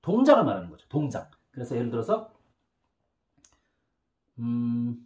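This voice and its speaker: A man teaching a beginner English lesson, chatty and lively, saying model phrases slowly for learners to repeat and often checking in with quick questions. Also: mid-range voice.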